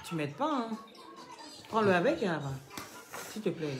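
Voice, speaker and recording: A woman's voice: lowish voice, big pitch swings, a little slow, music in the background. Chatty woman selling on a live stream. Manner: teasing and scolding, chatty, addresses viewers directly. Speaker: live-stream product seller. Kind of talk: casual live-stream chat and sales pitch.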